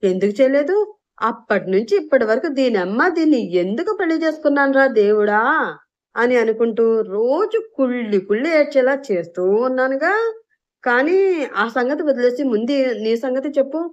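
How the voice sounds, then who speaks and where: A feisty, sharp-tongued young wife, as a woman narrator puts her on, blunt and cheeky in a storybook reading. Her voice is somewhat high, heard through a dull lo-fi recording. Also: lively intonation, normal speed.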